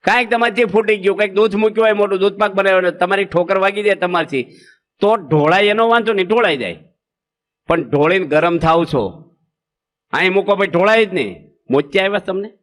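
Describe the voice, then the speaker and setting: High-voiced Gujarati monk preaching with humor. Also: male voice, brisk. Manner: lively, asks the audience rhetorical questions, acts out parents and children. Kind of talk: humorous sermon to a congregation.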